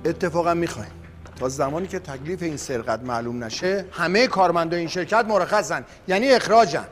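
An actor playing a bossy company owner in a TV series, who argues and shouts angrily. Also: male voice, a little high, long reverb tail, faint music behind, natural voice. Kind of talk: TV series acting.

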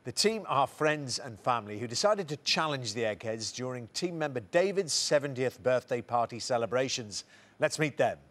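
Brisk male quiz show host. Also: medium pitch, lively intonation, fairly bright tone, a little hiss or hum. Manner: brisk, reads questions and options. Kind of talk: broadcast quiz hosting. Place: TV studio.

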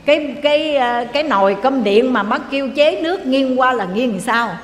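A woman voicing a dismissive, sharp-tongued young daughter-in-law lecturing her mother-in-law. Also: high voice, animated, moderate pace, a little hiss or hum. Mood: scornful. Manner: lecturing, mocking. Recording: echoey hall, faint ambience.

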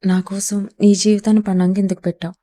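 A woman's voice: mid-range voice, little pitch movement, fast, dark tone, close to an everyday voice. A tearful young heroine, as a woman reads her. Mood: pleading. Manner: pleading, emotional.

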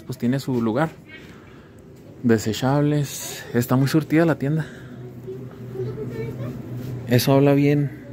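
A young man with a Mexican Spanish accent talks casually and chattily, wandering into little asides as he films on a handheld camera. His voice sits mid-range, and clear shop noise runs behind him in a small grocery store. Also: medium pitch. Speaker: vlogger, snack maker. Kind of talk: casual chat while filming. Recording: noisy shop background.

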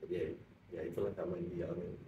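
A man with an Indonesian accent, a cast member speaking in casual chat at a press event, lively and joking. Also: low-pitched, very fast, highs cut off. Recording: echoey room, distant mic, background noise.

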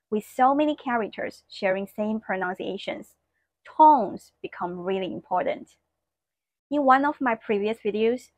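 A woman whose first language is Mandarin Chinese speaks English with a Mandarin accent, teaching an online lesson slowly and clearly and demonstrating tones. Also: medium pitch, dry recording.

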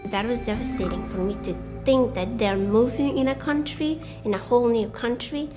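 Young woman from afghanistan, a bit high voice, earnest halting english, soft music under. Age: young adult. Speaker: student interviewee. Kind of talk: interview. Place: bright room with a window.

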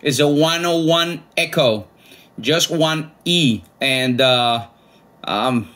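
A man in his forties with a high-leaning, fairly bright voice chats slowly and casually over ham radio as an amateur operator. He's friendly and talkative, full of enthusiasm for old radios.

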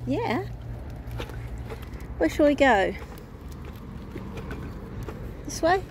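Unhurried woman chatting on a walk. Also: high voice, very animated, slight background noise. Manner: chatty, unhurried, talks to her dogs and viewers. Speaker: vlogger walking her dogs. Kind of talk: casual walk-and-talk vlog. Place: outdoors on suburban streets. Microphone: phone camera held while walking.

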